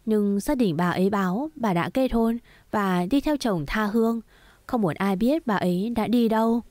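A woman voicing a gentle, patient middle-aged mother who soothes her daughter in a storybook reading, with a soft coaxing tone and a dry recording. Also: medium pitch, moderate pace, no echo, close to an everyday voice. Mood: recounting.

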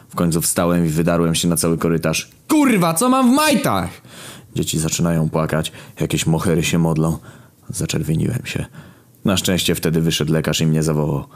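A man narrating a vulgar comic first-person story, deadpan with loud outbursts. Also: a bass voice.

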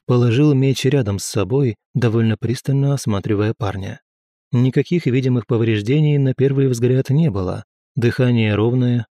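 A man narrating an audiobook in the first person with a steady, measured reading. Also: mid-range voice, no echo, studio quality.

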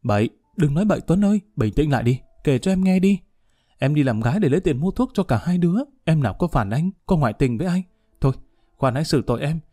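A man voicing a fiery, distraught young woman in a spoken story, pleading and shrill. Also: animated, fairly quick, dark tone.

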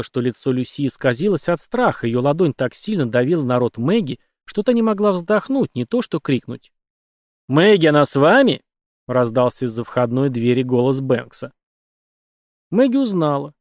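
Male narrator, dramatic thriller reading, lively intonation, dry studio sound. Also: a little high, dry recording. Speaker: audiobook narrator. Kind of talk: scripted narration.

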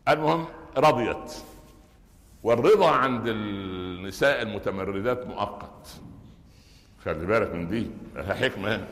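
A man's voice: lowish voice, long reverb tail. A man with an Egyptian Arabic accent, preaching a Friday sermon lesson and telling stories with acted quotes and humor.

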